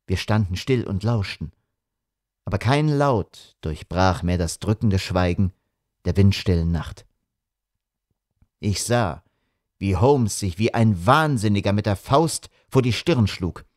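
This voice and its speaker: Male audiobook narrator; measured, atmospheric, mid pitch, dry close recording. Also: darkish tone, no echo. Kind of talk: scripted dramatic narration.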